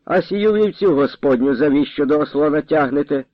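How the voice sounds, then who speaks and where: A man voicing a pious male village priest who speaks solemnly in churchly phrases, a little lower than usual. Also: fairly quick, no room sound, dull audio, lightly acted.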